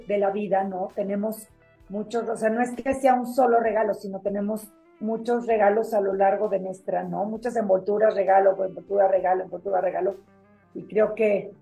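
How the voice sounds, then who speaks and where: A woman's voice: medium pitch, vocal fry, mellow, roomy sound, rough recording. A woman hosting an interview, reflective and asking long, thoughtful questions. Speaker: show host. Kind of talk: interview conversation.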